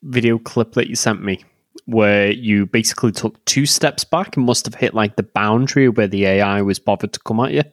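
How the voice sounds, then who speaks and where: A man's voice: on the low side, normal speed, no echo. A young man co-hosting a casual gaming podcast, easygoing and asking dry questions. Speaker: podcast co-host.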